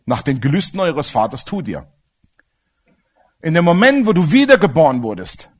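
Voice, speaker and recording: A man's voice: a little high, very animated, normal speed, breathy edge. A man preaching a sermon with emphasis and humorous asides, often asking the congregation for agreement.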